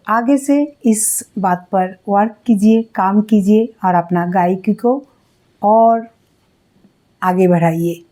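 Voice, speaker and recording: A woman's voice: a little high, mellow. A woman teaching singing, patiently explaining how to put emotion into the voice and demonstrating it aloud. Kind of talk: music lesson on expressing emotion.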